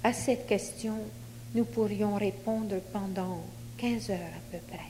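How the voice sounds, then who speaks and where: Female meditation guide, unhurried and measured, recorded in a very reverberant hall with faint noise. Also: mid-range voice, warm tone. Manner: measured, instructing in short phrases. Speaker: leader of a spiritual group exercise.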